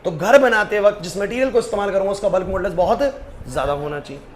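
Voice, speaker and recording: Young male physics teacher in a classroom, high voice; scolds, coaxes, quizzes pupils by name. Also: fast, a little hiss or hum.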